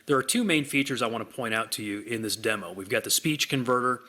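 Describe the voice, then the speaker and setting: A man hosting a software demonstration, walking through it in an upbeat sales manner. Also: mid-range voice, quick pace. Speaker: software demo host. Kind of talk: product demonstration.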